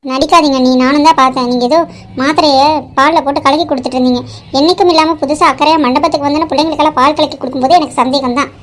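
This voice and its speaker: A woman voicing a calm, pious aunt in a cartoon drama who answers back with sharp retorts. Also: sits high, close to an everyday voice. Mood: accusing. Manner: composed, quick retorts. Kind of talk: Tamil cartoon drama voice acting.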